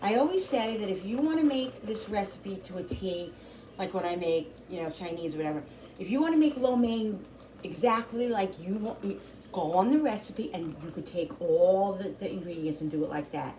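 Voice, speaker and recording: A woman's voice: medium pitch, animated, normal speed, warm tone, a little hiss or hum. A middle-aged woman hosting a home cooking channel, chatting casually as she cooks, rambling with lots of restarts. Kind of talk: casual chat while cooking.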